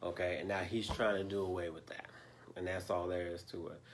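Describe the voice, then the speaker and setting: A man hosts a loose political discussion, speaking straight to his audience in a low, gravelly voice. He stops now and then to find his train of thought. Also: level tone, a little fast, a little hiss or hum. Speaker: host.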